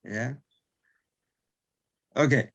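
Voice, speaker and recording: A man's voice: drawn-out words, highs cut off. A male teacher explaining in an online lesson, hesitant, repeating words with many fillers and chuckling between points.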